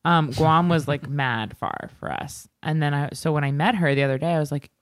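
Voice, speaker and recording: A woman's voice: low voice, a little fast, no echo, studio quality. Wry woman with a Long Island accent. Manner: wry, teasing interjections. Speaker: podcast co-host. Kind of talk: casual chat.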